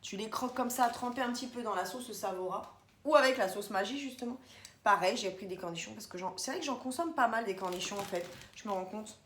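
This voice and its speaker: Talking a little fast in a mid-range, slightly bright voice, a vlogger walks viewers through her grocery haul in a casual, rambling way. She's indoors at home, where the room echoes and faint background noise can be heard.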